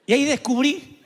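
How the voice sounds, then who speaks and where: Un pastor argentino de voz aguda predica con una energía teatral, alternando relatos con humor y gritos repentinos. Su voz resuena con una larga reverberación, como en un gran salón de iglesia. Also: male voice, very high voice. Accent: Argentine Spanish. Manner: animated storytelling with sudden shouts and humor. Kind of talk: sermon. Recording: long reverb of a large hall.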